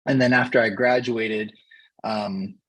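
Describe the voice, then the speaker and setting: Cheer coach guest from Hawaii, male, 30s, slightly raspy voice, measured and pausing. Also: on the low side, steady tone, poor audio. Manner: unhurried, pausing often to find words. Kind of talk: casual interview talk.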